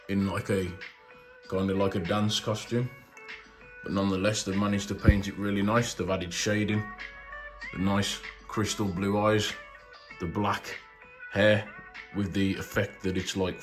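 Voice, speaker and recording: A man hosting a casual, chatty action figure review, talking informally and full of superlatives. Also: deep voice. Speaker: YouTube toy reviewer and channel host.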